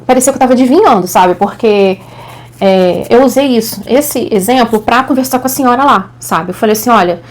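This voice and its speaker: Chatty high-voiced Brazilian woman. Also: brisk. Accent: Brazilian Portuguese. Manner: animated, chatty, addresses viewers as gente, acts out quotes. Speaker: vlogger and mother. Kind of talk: casual storytelling to camera.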